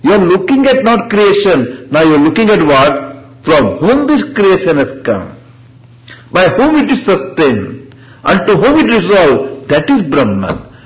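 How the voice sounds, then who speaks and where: A man's voice: sits high, sing-song, measured pace. A man with an Indian accent giving an informal lecture on scripture as a spiritual teacher, punctuating his explanations with short check questions and Sanskrit phrases. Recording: dull, lo-fi lecture recording.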